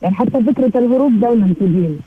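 A woman calling in, speaking hesitantly with many pauses, heard as a thin phone-line sound over a weak connection. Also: on the high side, slight background noise. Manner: hesitant, halting, with many fillers. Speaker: caller. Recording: muffled narrow-band phone call.

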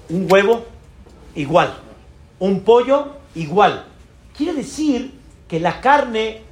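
High-voiced man preaching emphatically. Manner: emphatic preaching with rhetorical questions and exclamations. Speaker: rabbi. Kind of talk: sermon.

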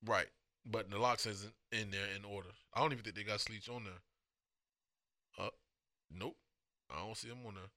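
A man co-hosting a podcast, talking in loose, profane, animated banter while he has the hiccups. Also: fairly low pitch, normal speed, pauses often, dry recording, clean studio sound. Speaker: podcast co-host. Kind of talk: casual chat.

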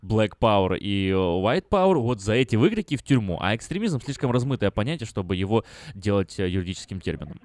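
A man's voice: on the low side, big pitch swings, fairly quick, few pauses, darkish tone. A man hosting a live radio call-in show, talking opinionatedly at a studio mic. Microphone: close studio microphone.

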